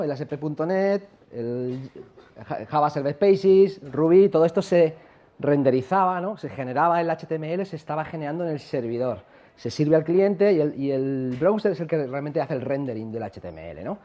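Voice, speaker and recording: At a live tech conference, a man from La Mancha talks in a chatty way with a Castilian accent, often asking the crowd questions and adding tag questions. His voice sits a little high with a darkish tone.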